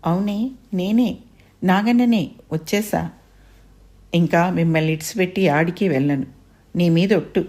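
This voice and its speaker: A woman's voice: mid-range voice, a little slow, voice pushed up, close to an everyday voice. Woman voicing a young man come home, anxious. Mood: emotional. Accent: Rayalaseema Telugu. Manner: eager, urgent questioning.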